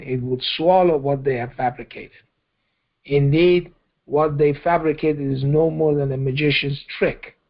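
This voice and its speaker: A Quran study teacher leads a scripture session, explaining verses conversationally and often checking in with "okay?". His voice is fairly high in pitch, and the recording is muffled.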